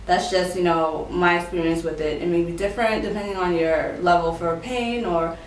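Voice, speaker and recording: A woman's voice: fairly low pitch, fairly even intonation, moderate pace. Young woman chatting casually, distant echoey sound. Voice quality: speech slightly affected by a dental retainer. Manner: conversational storytelling, acting out quoted exchanges. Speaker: vlogger sharing personal experience. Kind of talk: casual chat to camera. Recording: roomy echo, distant mic, faint noise.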